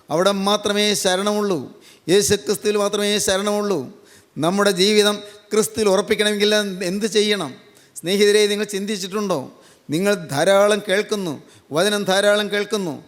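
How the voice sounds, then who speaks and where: A man's voice: sits high, fairly bright tone. A man from Kerala preaching a sermon, repeating phrases in lists and asking rhetorical questions. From Kerala, India. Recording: long hall reverb.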